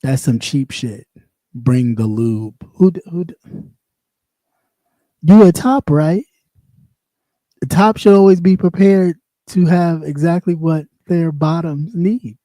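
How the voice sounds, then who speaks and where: Poor audio without room sound carries a fairly high, dark-toned male voice that moves slowly with long pauses. He's a livestream host who used to do radio, and his rant is light-voiced, casual, blunt and sassy, looping and repetitive.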